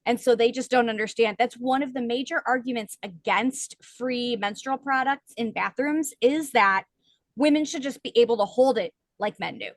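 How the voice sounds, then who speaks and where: High-voiced woman co-hosting a podcast. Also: moderate pace, no room sound. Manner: explains at length, lively and emphatic. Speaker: podcast co-host. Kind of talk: casual book-discussion chat.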